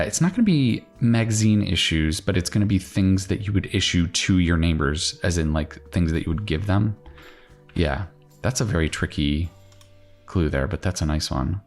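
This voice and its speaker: A man thinking out loud in casual puzzle commentary, musing and questioning himself as he works. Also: low voice. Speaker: crossword solver hosting a solve-along video. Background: plucked guitar music.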